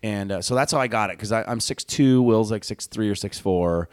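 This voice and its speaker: Animated man telling a long story. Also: fairly low pitch, brisk, no room sound, clean studio sound. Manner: animated storyteller, acts out quoted voices loudly. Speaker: podcast guest, actor. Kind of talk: casual storytelling chat.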